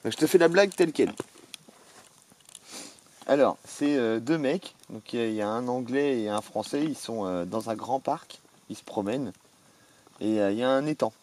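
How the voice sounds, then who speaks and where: A man's voice: mid-range voice, moderate pace, long pauses, a little mellow, slight background noise. A man chatting casually outdoors in a forest at night, telling jokes with lots of hesitations. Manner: joking, storytelling with hesitations. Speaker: vlogger. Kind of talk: casual chat.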